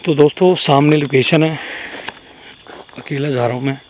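Out in a wooded rural spot after dark, a young paranormal vlogger talks into his handheld camera's built-in mic, treating his audience as friends and complaining about mosquitoes. His voice is on the high side, fairly level in intonation, at a moderate pace, with a little background noise.

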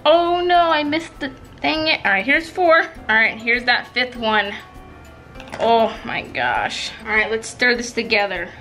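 A woman vlogger chatting casually through a cooking and eating challenge, reacting with lively exclamations. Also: on the high side, a little slow, faint music behind. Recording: roomy echo, faint noise.

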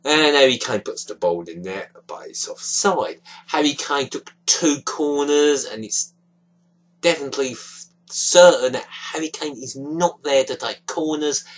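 Young man, slow deliberate delivery, frustrated match reaction, webcam in a small dim room. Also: medium pitch, lively intonation, poor audio. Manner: frustrated, disappointed, gestures a lot with hands. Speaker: football fan giving match reaction. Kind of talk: casual webcam commentary. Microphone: webcam at close range.

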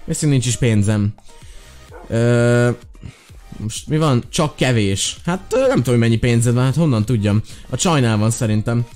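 A young man doing energetic let's-play commentary as a gaming YouTuber, excitable and shouting when the game gets tense. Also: medium pitch, soft background music.

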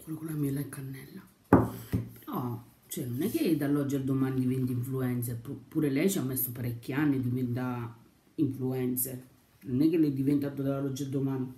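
A woman's voice: extremely low pitch, fairly quick, dark tone. A young woman chatting casually on her vlog over breakfast, rambling and sometimes talking with her mouth full. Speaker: YouTuber. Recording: echoey room.

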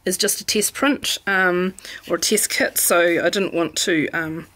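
A middle-aged woman with a New Zealand accent, chatting casually at home as she plans, relaxed and full of ums. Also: lowish voice, a little slow. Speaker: planner vlogger. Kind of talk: casual craft chat. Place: home room.

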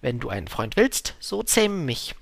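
A man voicing a talkative, wistful male fox in an audiobook, speaking up with a lively, pleading tone. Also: medium pitch, measured pace, gravelly, no room sound. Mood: earnest. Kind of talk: audiobook reading.

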